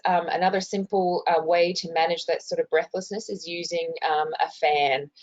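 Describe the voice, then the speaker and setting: Casting: Australian woman, health educator, lowish voice, informal explanatory delivery, muffled webinar sound from a hospital. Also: darkish tone. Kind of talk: informal instructional presentation. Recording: muffled, dull webinar audio.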